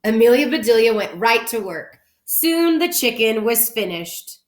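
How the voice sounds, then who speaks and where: A woman reading a children's story aloud like a teacher, animated and clearly phrased for young listeners. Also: on the high side, unhurried. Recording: roomy indoor echo.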